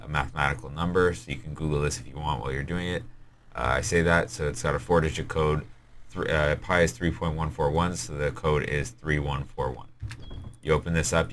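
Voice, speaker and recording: A man giving a hurried, rambling walkthrough of puzzles he built in a game, as the server admin. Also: a bass voice, a bit bright, slight background noise.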